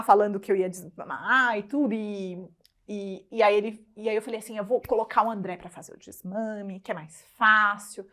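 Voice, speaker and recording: A woman with a Brazilian Portuguese accent, an interview guest and mother, telling a personal story in casual chat and acting out the quoted lines. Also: medium pitch. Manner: animated, re-enacts dialogue in quoted voices.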